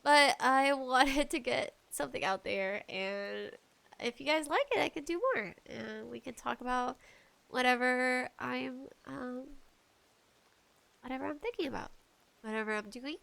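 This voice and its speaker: In an unhurried, gravelly voice that sits high and sounds nasal and congested, a woman hosts a casual solo podcast. She rambles in an animated, pleading manner, adding self-deprecating comments.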